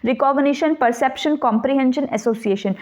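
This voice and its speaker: A woman teaching an exam-prep lesson. She reads English definitions slowly in an Indian accent and explains them quickly, asking questions and then answering them herself. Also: high-pitched, darkish tone. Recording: dull lo-fi audio.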